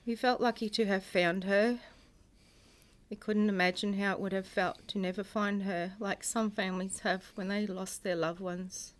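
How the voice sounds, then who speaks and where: A middle-aged woman, a bereaved mother reading a prepared personal statement in a solemn, measured way, in grief. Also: medium pitch, steady tone. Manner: solemn, measured delivery in short phrases. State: grieving.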